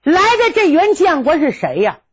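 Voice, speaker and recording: A woman performing a traditional story with a lively, dramatic delivery. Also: very high-pitched, moderate pace. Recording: dull lo-fi recording.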